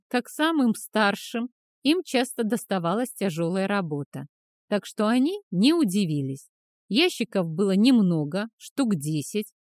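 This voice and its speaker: A woman's voice: mid-range voice, a little mellow, no echo, studio quality. Woman reading a fantasy audiobook. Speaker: audiobook narrator. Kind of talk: scripted fantasy narration.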